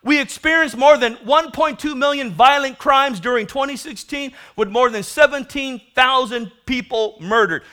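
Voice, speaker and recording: A man's voice: very high voice, pushed and bright. A man with an American accent preaching a fiery sermon in an urgent, admonishing, prophetic manner, pressing listeners with rhetorical questions and calls for amens. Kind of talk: fiery sermon calling for repentance.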